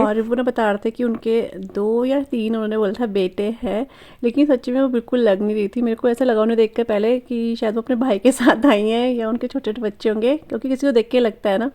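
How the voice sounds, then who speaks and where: A woman's voice: on the high side, a little mellow. A woman in her thirties chatting casually through her daily vlog in a homely, rambling way. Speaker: vlogger.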